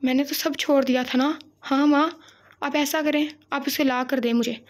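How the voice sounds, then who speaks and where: A woman voicing a grief-stricken, violent young man with a breathy, half-whispered delivery. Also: high-pitched, steady tone, moderate pace, natural voice. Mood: sobbing pleading.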